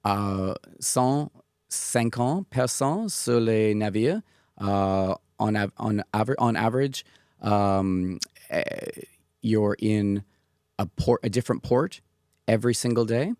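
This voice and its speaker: A middle-aged man, a native English speaker with a foreign English accent in French, answering haltingly as a podcast guest and slipping into English words. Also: fairly low pitch, a little mellow, clear, resonant tone, no echo, clean studio sound. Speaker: guest, river cruise sales representative. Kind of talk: podcast interview, casual explaining.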